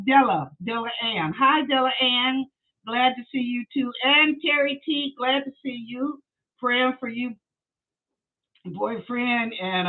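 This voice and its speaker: A woman psychic reader who hosts a live stream, chatting casually and sassily with her viewers and calling them y'all. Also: fairly high pitch. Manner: chatty and sassy, addresses the audience as y'all. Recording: tinny phone-like sound.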